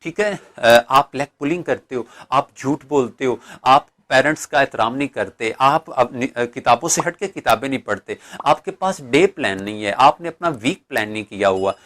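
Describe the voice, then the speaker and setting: A man's voice: medium pitch, lively intonation, normal speed, few pauses, fairly bright tone. A middle-aged man, giving an instructional lecture as a motivational speaker. He asks rhetorical questions and answers them step by step.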